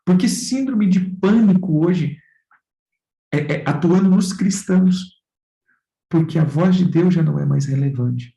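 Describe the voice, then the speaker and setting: A male pastor with a Brazilian accent delivers a sermon in a mellow, gravelly voice. He keeps asking rhetorical questions and calls his listeners brothers and dear ones. The sound carries a roomy echo. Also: a little high, measured pace. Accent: Brazilian Portuguese.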